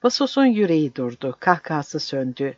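A man's voice: fairly high pitch, very animated, normal speed, no room sound. Man reading a story, dry dull sound. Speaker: narrator.

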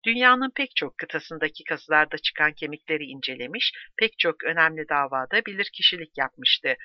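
A man narrating a true crime story with a measured, steady delivery. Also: a little high, no room sound. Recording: dull dry close recording.

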